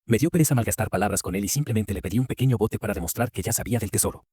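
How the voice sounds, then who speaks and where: Fast, husky male story narrator. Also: fairly low pitch, mellow, no room sound.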